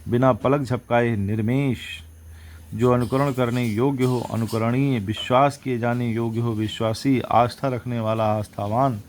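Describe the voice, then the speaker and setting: A man's voice: medium pitch, fairly even intonation, a little slow, darkish tone. A man teaching exam vocabulary, reciting words and their opposites one after another and correcting himself as he goes.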